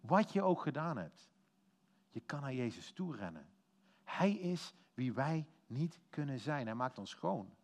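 A man giving a lively, informal sermon, telling a story with acted-out quotes and quick self-corrections. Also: mid-range voice. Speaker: preacher.

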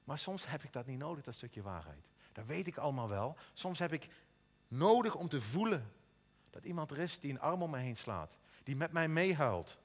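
A man's voice: a little high, big pitch swings, normal speed, husky, long reverb tail. A man preaching an earnest sermon in a church, sometimes stumbling over repeated words. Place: church in Eindhoven.

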